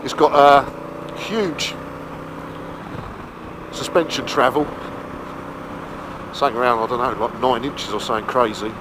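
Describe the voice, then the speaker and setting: Guy chatting casually inside his helmet on a motorbike, reviewing as he rides, lots of wind noise. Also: medium pitch. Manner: colloquial, unhurried thinking aloud. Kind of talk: casual riding vlog commentary. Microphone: mic inside or on the helmet. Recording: muffled helmet mic, clear wind and engine noise.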